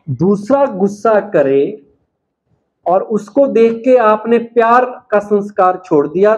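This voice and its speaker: A man's voice: sits high, a little mellow. A man giving a spiritual talk to an audience, asking questions and answering them himself with emphasis. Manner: unhurried, emphatic delivery. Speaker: spiritual speaker. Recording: slightly dull, lo-fi sound.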